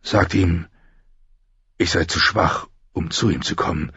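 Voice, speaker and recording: A man's voice: sits low, unhurried, gravelly, bright, forceful tone, slightly rough, no room sound, highs cut off, full character voice. Man reading a weary, wounded lord.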